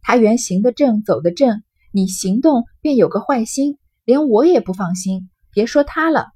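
A woman voicing a clever, teasing young maidservant in a classic novel, with a husky voice and bantering lines. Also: on the high side, animated, normal speed. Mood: teasing scold. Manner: bantering, sharp-tongued.

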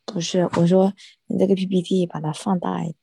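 A woman's voice: lowish voice, flat delivery, brisk, vocal fry, warm tone, husky, no echo. A woman student on a video call reading English practice sentences, carefully repeating words to fix her pronunciation. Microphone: computer mic on a video call.

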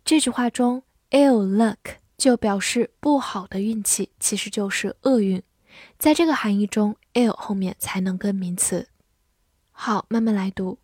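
A woman teaching English vocabulary in a clear, patient way, reading example sentences slowly. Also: on the high side, a little mellow, dry recording, clean studio sound. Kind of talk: vocabulary lesson explaining words.

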